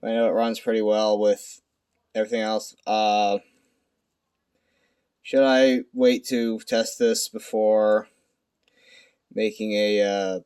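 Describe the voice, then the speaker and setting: Young male, lowish pitch, hushed night-time delivery; unscripted hobby presenter, halting and self-deprecating. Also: steady tone, clear, resonant tone. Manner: halting, self-deprecating, stumbling over words. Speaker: amateur video creator presenting a card deck. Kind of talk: casual unscripted card game deck profile. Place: at home at night.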